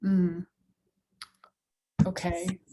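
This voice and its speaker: A woman speaks slowly in a video meeting, her voice somewhat low. She raises her questions thoughtfully and wonders aloud about them. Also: completely flat delivery, a crowd in the background, rough recording. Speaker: meeting participant.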